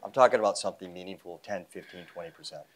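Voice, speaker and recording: A man's voice: deep voice, rapid-fire. A man in his fifties, an investment fund founder, answering panel questions on a conference stage through a lapel mic, confident and wry with many fillers. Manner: confident, wry, with frequent 'you know' fillers. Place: conference stage before a live audience.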